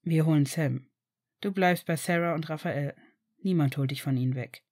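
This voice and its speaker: A woman reading a storybook, voicing a weary male wizard teacher with a lowered, quiet, measured voice. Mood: calm, tender.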